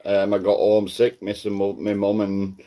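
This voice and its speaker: A low-voiced man chats casually among friends. He rambles, repeats himself and mocks himself openly. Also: completely flat delivery, moderate pace, warm tone. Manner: rambling, repeats "you know what I mean", self-deprecating.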